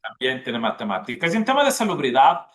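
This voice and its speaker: With huge pitch swings in a medium, slightly bright voice, a man from Ecuador speaks a little fast. As a gastronomy school dean interviewed on a podcast, he explains at length and often checks in with the listener by asking "¿no es cierto?".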